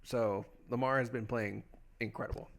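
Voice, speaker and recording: A man's voice: medium pitch, steady tone, normal speed, creaky, fairly bright tone. A young man co-hosting a casual fantasy football show, rambling with enthusiasm and lots of "like"s. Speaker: podcast co-host. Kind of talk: casual sports chat.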